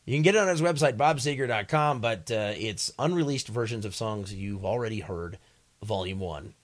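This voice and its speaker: A man's voice: fairly low pitch, moderate pace, close to an everyday voice. A man putting on the voice of a macho male classic rock radio DJ, doing a mock radio break with filler uhs. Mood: upbeat pitch. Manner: punchy announcer delivery with filler uhs.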